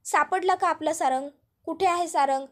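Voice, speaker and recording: A woman's voice: very high-pitched, moderate pace, fairly bright tone. A woman voicing an anxious grown son who presses urgently for news.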